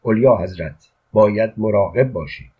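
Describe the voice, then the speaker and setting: A man reading the part of a cautious, restrained royal physician in an audiobook, speaking softly and guardedly with a husky voice. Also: lowish voice, dull audio. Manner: soft, guarded.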